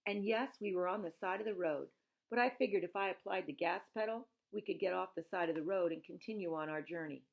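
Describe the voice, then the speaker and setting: A woman with a lowish, creaky voice reads a children's novel aloud expressively and fast, dropping in informal asides like a teacher who explains things plainly. The sound is lo-fi.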